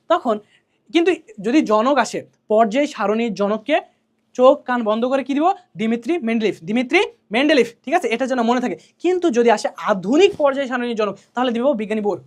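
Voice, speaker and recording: Woman tutor, quick and higher-pitched, chatty drilling style. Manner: drills key answers by asking and repeating them; colloquial, chatty. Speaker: teacher. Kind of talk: exam revision lesson.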